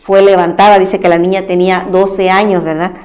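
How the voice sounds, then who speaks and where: Female preacher at a church program: reads scripture, then explains it in halting phrases that each end in a tag question. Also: lowish voice, flat delivery, a little mellow. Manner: repeats a tag question after nearly every phrase; halting, with many restarts. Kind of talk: Bible reading and preaching.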